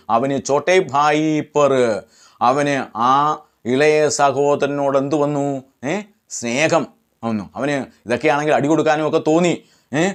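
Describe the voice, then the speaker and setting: A man teaching a lesson, translating line by line and asking questions that he answers himself. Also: on the high side. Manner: translates phrase by phrase, repeating words. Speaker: Hindi tutor.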